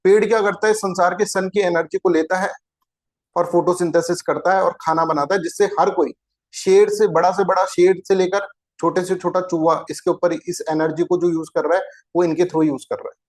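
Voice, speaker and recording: A man's voice: high voice, fairly even intonation, a little fast, a little mellow. A man teaching an exam-prep geography lecture, chatty and informal, who keeps asking his students rhetorical questions.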